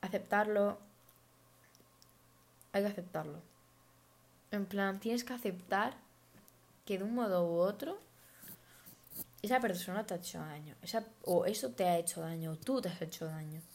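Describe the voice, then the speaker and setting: A woman's voice: mid-range voice, normal speed, pauses often, darkish tone. Woman from talking through her feelings on a podcast, earnest and thoughtful, giving advice. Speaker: podcast host. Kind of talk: reflective personal monologue.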